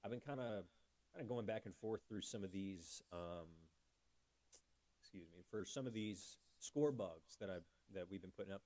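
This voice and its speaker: A man's voice: fairly low pitch, moderate pace, mellow, dry recording. A man hosting a casual livestream, chatty, thanking viewers by name and talking through fixing his audio. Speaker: livestream host.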